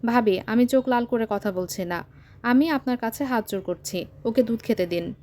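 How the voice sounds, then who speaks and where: A woman voicing a stern young uncle who speaks gravely and earnestly in an audio story. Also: on the high side, normal speed, dark tone, natural voice. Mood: firm. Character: stern young uncle, calm but firm man.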